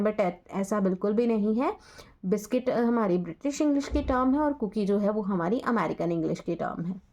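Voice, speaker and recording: A woman's voice: on the high side, a little mellow. A woman with an Indian accent, teaching an English lesson and explaining patiently, spelling words out letter by letter.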